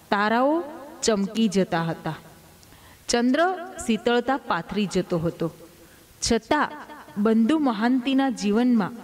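A woman reading a devotional story aloud in a measured, expressive narrating style. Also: a little high.

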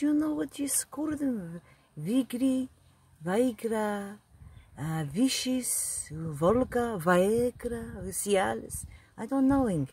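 A woman's voice: mid-range voice, warm tone, heavily acted. A woman voicing an elderly immigrant grandfather who rambles bawdily in broken English. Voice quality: very husky. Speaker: comedy video character. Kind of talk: comic character monologue.

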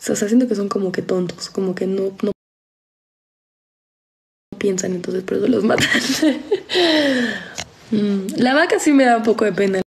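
A young woman of eighteen from Peru with a Peruvian Spanish accent, tired and chatting casually as she answers viewers' questions, reading each one aloud before replying in quick, quiet asides. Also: medium pitch, vocal fry. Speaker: live streamer.

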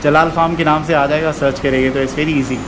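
A man's voice: fairly high pitch, fairly even intonation, a little fast, noisy background. A man in his thirties interviewing a farmer on a sheep farm, asking questions into a handheld mic and mixing English phrases into his Hindi. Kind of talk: casual on-site interview. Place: sheep shed on a farm, indoors.

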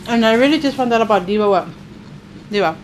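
A woman's voice: a little high, animated, fast, slight background noise, poor audio. A middle-aged woman chatting casually while eating, talking with her mouth full as she tells stories. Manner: chatty, storytelling, plain-spoken. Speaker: mother and show host.

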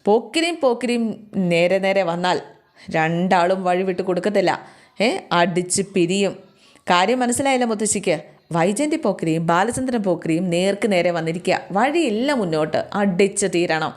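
A woman's voice: mid-range voice, animated, normal speed. Chatty woman storyteller. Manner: chatty, addresses listeners, restarts mid-word. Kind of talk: casual oral storytelling.

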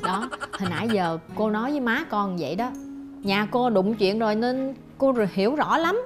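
An actress playing a sensible middle-aged woman neighbor, curious and quick to give frank advice. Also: medium pitch, animated, close to an everyday voice. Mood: advising. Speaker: neighbor friend in a traffic-safety skit. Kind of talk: televised comedy sketch acting. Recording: music bed under the dialogue.

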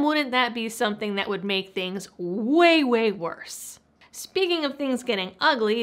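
A young adult woman hosts a scripted news rundown from a small indoor studio setup, tossing in wry, informal asides. Her voice is fairly high-pitched and fairly bright.

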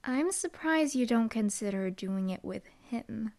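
A young adult woman voices a female hellhound demon bodyguard in an audio roleplay, playing her dry, teasing, and laid-back. Her voice is fairly high, expressive, and a little mellow, and she takes her time.

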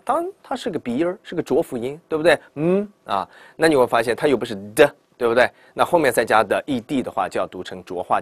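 Lively man teaching English sounds. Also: medium pitch, dry recording. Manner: lively teacher, models English words slowly and stretched; asks rhetorical checks like "right?" and "对不对". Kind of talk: classroom lesson, explaining and drilling words.

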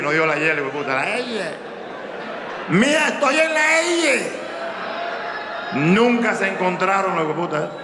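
A man with a Colombian Caribbean coast accent telling profane, animated stand-up stories on stage in a hall. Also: high voice, noisy background. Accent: Colombian Caribbean coast Spanish. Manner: profane, animated, slips into character voices. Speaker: stand-up comedian. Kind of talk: stand-up storytelling. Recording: echoey hall, faint ambience.

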